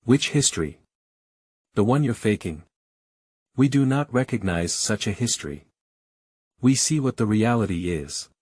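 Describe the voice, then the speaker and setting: Guy with a low husky voice reading out an old parliament speech, dry close sound, real oratorical. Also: animated, unhurried, long pauses, darkish tone, dry recording. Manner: declamatory, oratorical.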